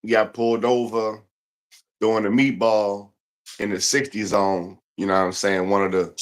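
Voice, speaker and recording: A man's voice: lowish voice, level tone, moderate pace. Middle-aged male sports-show host, casual slangy talker, repeats himself.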